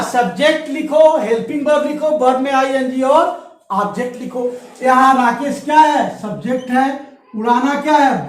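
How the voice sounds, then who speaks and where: Slow-speaking teacher in an echoey room. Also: male voice, extremely high pitch, distant mic. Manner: asks questions and answers them himself; dictates example sentences word by word. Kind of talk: classroom grammar lesson.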